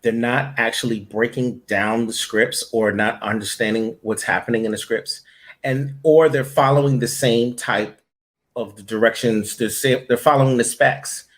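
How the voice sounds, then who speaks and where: A middle-aged voice-over coach speaks at normal speed with a medium-pitched voice. He tells stories in a casual interview, animatedly acting out the directions he gives actors in the booth.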